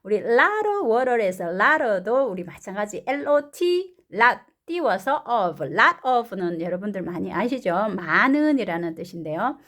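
A woman's voice: mid-range voice, sing-song, slow, hardly any pauses, fairly bright tone. A woman English teacher reading a picture book aloud and patiently explaining words and pronunciation.

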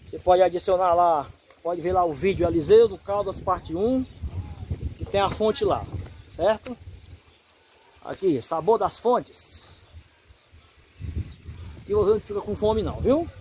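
A man, vlogging excitedly outdoors at a water park, shouting cheerfully and praising God. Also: high voice, unhurried, long pauses, slight background noise. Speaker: YouTuber and pastor. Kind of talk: casual vlog narration.

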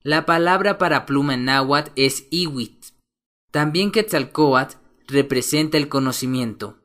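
A man's voice: fairly high pitch, a bit bright. A man teaching a language lesson, carefully pronouncing words and giving their meanings one by one. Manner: slow, careful enunciation of vocabulary. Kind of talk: slow, deliberate language lesson.

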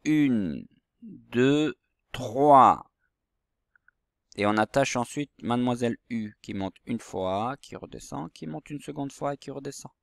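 A man gives a handwriting lesson to young children in an unhurried, patient way, walking them through each stroke. His voice sits in a middle register and the recording is close and dry, with no room sound. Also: medium pitch, creaky, no room sound. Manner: slow, patient, step-by-step instruction. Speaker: primary school teacher.

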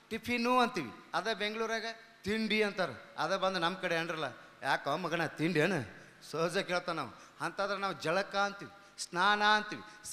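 High, bright-voiced North Karnataka comedian. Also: male voice, in a large hall. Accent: North Karnataka Kannada. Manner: lively folksy storytelling, slipping into character voices. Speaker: stand-up comedian. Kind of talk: stand-up comedy storytelling. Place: comedy stage before an audience.

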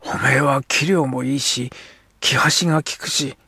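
Guy doing a gruff sulky edo street kid, coarse slang, husky voice, storybook. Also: medium pitch, steady tone, measured pace, sharp tone, no echo, full character voice. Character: rough young Edo street boy, sulky. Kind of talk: audiobook character voice.

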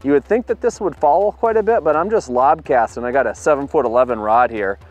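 A man's voice: mid-range voice, fast, lo-fi sound. A man in his thirties on a boat on a lake, explaining his fishing tackle and catches in an upbeat way. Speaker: fishing video producer. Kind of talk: on-the-water fishing demonstration. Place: open boat on a lake, outdoors.

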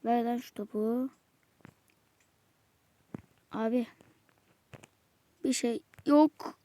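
A woman's voice: fairly high pitch, drawn-out words, mellow. A woman giving exasperated live commentary while playing a football video game, muttering to herself and snapping at the game. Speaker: gamer.

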